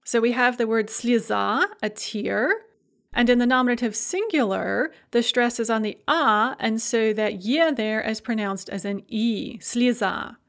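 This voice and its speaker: A woman's voice: fairly high pitch, moderate pace, a bit bright. A woman teaching a pronunciation lesson, explaining rules step by step and carefully sounding out example words. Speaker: language teacher.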